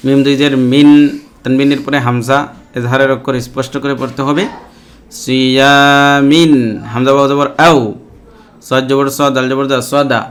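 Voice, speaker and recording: Man spelling out Quran letters slowly. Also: mid-range voice, little pitch movement. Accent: Bangladeshi Bengali. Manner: slow, measured letter-by-letter spelling with short rule explanations. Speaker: Quran reading teacher. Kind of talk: spelling out Quran recitation lesson.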